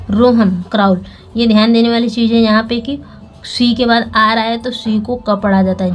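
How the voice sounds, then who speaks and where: A woman teaching English through a children's story, reading each phrase slowly and explaining it word by word. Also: medium pitch, lo-fi sound. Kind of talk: slow line-by-line story lesson with translation.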